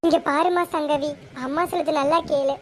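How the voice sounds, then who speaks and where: A very high, thin female voice carries every part of a home-made family serial. She pleads and comforts in turn, and faint noise hums under the recording. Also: steady tone, moderate pace.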